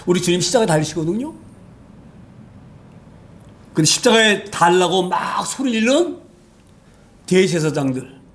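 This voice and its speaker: Emphatic male pastor, high-pitched voice, sermon delivery with rhetorical questions and dramatic swings in volume. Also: animated, normal speed, pauses often. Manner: emphatic, rhetorical questions, frequent hallelujahs, wide swings in loudness.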